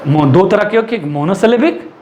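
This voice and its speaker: A man teaching an English lesson in Hindi mixed with English, asking the class questions and answering them himself, and repeating rules slowly as he writes them out. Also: sits high, lively intonation, a little mellow. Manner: repeats and dictates slowly while writing. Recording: echoey room with faint ambient noise.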